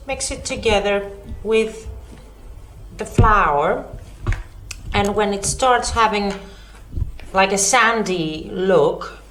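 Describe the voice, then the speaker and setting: Woman, cooking host, unhurried delivery, echoey kitchen, faint background hiss. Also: medium pitch, a bit bright. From Greece. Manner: slow and chatty with many fillers and self-corrections. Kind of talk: home cooking demonstration.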